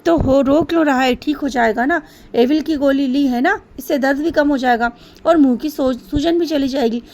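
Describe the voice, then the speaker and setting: A woman's voice: high-pitched, normal speed, a little mellow. A woman voicing a mother who scolds and worries over her two quarrelling children in a spoken story. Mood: soothing.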